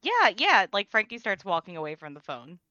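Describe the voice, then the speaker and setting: A woman, a player, narrating her character in a tabletop game with an animated, laughing manner. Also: lowish voice, fast talker, smooth, no room sound, highs cut off.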